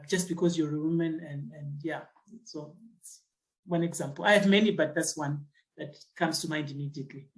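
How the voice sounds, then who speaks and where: A woman's voice: deep voice, rough recording. A middle-aged woman from Zimbabwe, a geoscientist answering interview questions in a thoughtful way, with many fillers and restarts. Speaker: geoscientist and associate professor.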